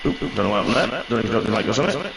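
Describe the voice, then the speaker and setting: A man's voice: sing-song, racing, vocal fry, distant mic. A man doing live sim-racing commentary, chatty and full of fillers, his mic sounding like he is in a cave. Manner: chatty, with many fillers and hedges. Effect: echoey cave-like sound on his mic. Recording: echoey boomy mic with loud crowd noise.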